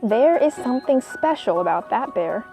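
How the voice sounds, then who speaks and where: A woman's voice: on the high side, very animated, normal speed, mellow, soft background music. A woman voicing a kind-hearted young soldier in a storybook, speaking in an earnest, plain way. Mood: thoughtful. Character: kind-hearted young soldier Harry, torn but decisive.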